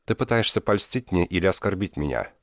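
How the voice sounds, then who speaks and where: A man's voice: low-pitched, lively intonation, a little fast, dry recording, studio quality, voice pushed up. A man voicing a proud, wounded young queen who cuts in with bitter, raised retorts. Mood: furious.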